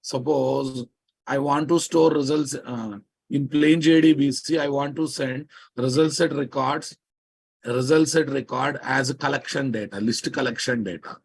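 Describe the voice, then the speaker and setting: A man's voice: medium pitch, fairly even intonation, a little slow, creaky, breathy edge. A man with a Telugu Indian accent teaches programming to a class, speaking emphatically, repeating phrases and prodding listeners with questions. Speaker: software teacher. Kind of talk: live programming lecture to a class.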